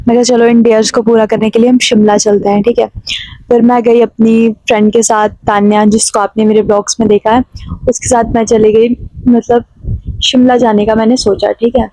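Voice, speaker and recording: A woman's voice: on the high side, flat delivery, normal speed, warm tone, dry recording, low-quality recording. A young woman from Himachal Pradesh, a vlogger telling a story to camera in a chatty way with many fillers and restarts. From Himachal Pradesh, India.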